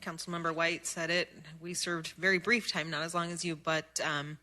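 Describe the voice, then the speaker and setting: A woman's voice: lowish voice, flat delivery, normal speed, background noise. A woman on a city council giving casual, reflective remarks that ramble a little.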